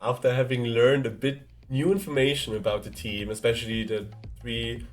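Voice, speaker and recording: A man hosts a live esports broadcast in an easygoing, chatty way. His voice sits at an ordinary middle pitch, and he often pauses on "um" as he talks. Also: fairly even intonation. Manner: chatty, easygoing, frequent "um" fillers. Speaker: esports caster. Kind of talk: live stream commentary.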